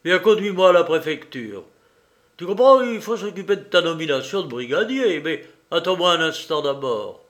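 A man reading aloud and voicing a composed, commanding gentleman who speaks firmly and with dry irony. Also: fairly high pitch, expressive, moderate pace, pitched above the performer's own voice. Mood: ironic command. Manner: firm, sardonic, raised voice. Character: cool, commanding gentleman hero, ironic. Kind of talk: audiobook reading.

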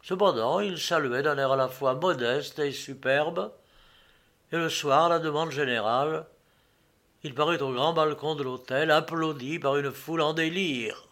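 A man reads a classic novel aloud as audiobook narration. His voice sits slightly high, and he tells the story in a measured, expressive manner.

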